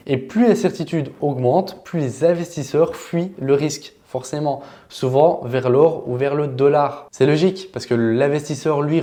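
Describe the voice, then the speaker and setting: Homme francophone, formateur en trading, ton décontracté. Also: male voice, medium pitch. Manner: relaxed, chatty explaining with filler words. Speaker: trading educator. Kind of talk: casual explanatory lesson.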